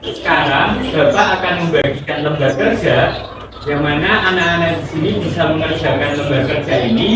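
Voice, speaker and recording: A man's voice: fairly high pitch, a little fast, noisy background. A young man teaching a primary school class, speaking directly to the pupils and asking them questions. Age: young adult. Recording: roomy classroom audio, mic far off.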